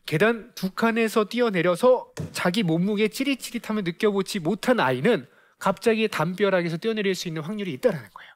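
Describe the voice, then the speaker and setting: A man lecturing parents, his high voice swinging widely in pitch, throwing rhetorical questions at the room and slipping into kids' voices. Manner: poses rhetorical questions to the audience; acts out children's voices.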